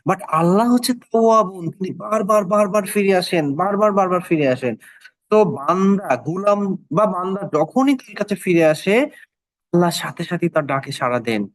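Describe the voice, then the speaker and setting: A man's voice: high-pitched, lively intonation, normal speed, no echo. A man teaching an online Quran and Arabic class, explaining each word and its meaning step by step, often repeating himself and checking with "okay?".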